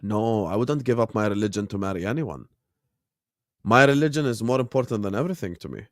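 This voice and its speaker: A man's voice: fairly low pitch, animated, a little fast, no echo, studio quality. Laid-back young man chatting on a stream. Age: late 20s. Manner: slangy and laid-back, chuckles often, answers viewers directly. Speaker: live-stream watchalong host. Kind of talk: casual chat, reacting to a match and reading chat.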